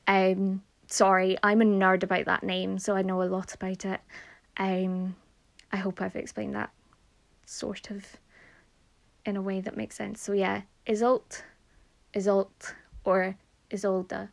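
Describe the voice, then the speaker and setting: Slow, gravelly-voiced woman reading names. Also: mid-range voice, level tone. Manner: repeats each name slowly, nerdy asides. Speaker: name pronunciation reader. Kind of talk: casual spoken list.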